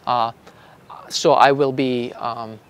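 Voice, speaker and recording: Under a wooden pergola in an outdoor garden, a middle-aged Czechoslovakian man who works as a bonsai artist gives a patient, casual explanation full of fillers and restarts. His medium-pitched voice is steady, slow, clear and resonant.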